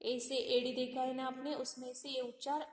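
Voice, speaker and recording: A woman's voice: sits high, little pitch movement, moderate pace. A woman teacher leading young children through a syllable lesson, drawing out and repeating each sound and often calling to the children. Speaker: kindergarten teacher. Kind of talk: slow syllable-by-syllable Hindi alphabet lesson for small children. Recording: echoey room with long reverb.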